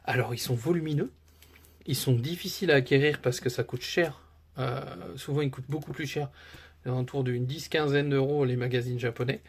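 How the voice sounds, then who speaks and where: Male collector vlogger, husky, mid pitch, casual and enthusiastic, rambling delivery. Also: darkish tone. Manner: chatty and enthusiastic, many fillers and restarts. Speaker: card collector YouTuber. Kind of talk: casual chat to camera.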